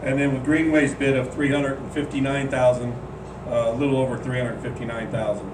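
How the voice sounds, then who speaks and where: Speaking flatly at a medium pitch, a man running a golf club meeting delivers an announcement haltingly, leaning on frequent "uh"s. He's a board member, and the distant mic picks up the room's echo and a background hum.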